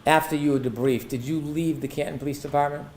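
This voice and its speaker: A man's voice: on the high side, steady tone, quick pace, darkish tone, a little hiss or hum. A man working as an attorney, questioning a witness in court in a formal, methodical and precise way. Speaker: prosecuting attorney.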